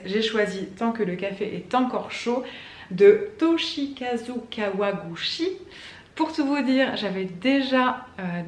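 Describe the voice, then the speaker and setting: Chatty woman book vlogger, echoey room. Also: medium pitch. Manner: chatty, many fillers and restarts. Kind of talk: casual chat to camera. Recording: echoey room with faint ambient noise.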